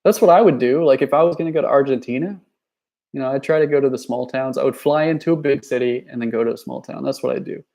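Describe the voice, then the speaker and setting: A young YouTuber chats casually on a livestream in a gravelly, rough-edged yet mellow voice of medium pitch, talking fast and off the cuff. He rambles from one thought to the next, piling up fillers and restarts, and reads viewer chat messages aloud.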